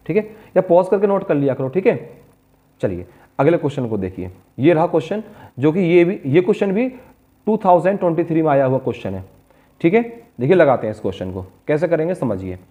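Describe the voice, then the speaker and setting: A man's voice: fairly high pitch, dark tone. A male maths teacher working through a board-exam problem, patiently coaxing his students and checking they follow. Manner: patient, coaxing, calls students "beta" and "bachche". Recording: tinny phone-like lo-fi audio.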